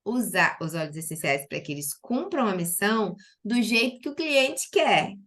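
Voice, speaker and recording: A woman's voice: mid-range voice, moderate pace. A Brazilian woman, a doctor, giving a chatty live-stream talk to her chat, with lots of fillers and fond little words. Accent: Brazilian Portuguese. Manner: chatty and lively, with many diminutives and filler "né".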